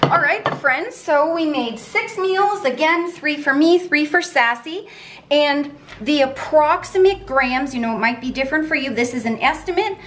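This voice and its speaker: A woman's voice: sits high, moderate pace, fairly bright tone, slight background noise. A woman talking through her weekly meal prep in a home kitchen, bubbly and playful with cutesy pet words. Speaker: weight-loss vlogger. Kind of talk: casual cooking and meal-prep talk.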